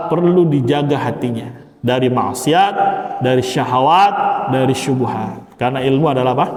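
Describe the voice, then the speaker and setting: Arabic grammar teacher quizzing his class in a mosque. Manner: quizzing, drops to low soft answers after rising questions. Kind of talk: classroom lecture with call-and-response questions. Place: mosque hall. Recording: roomy hall reverb.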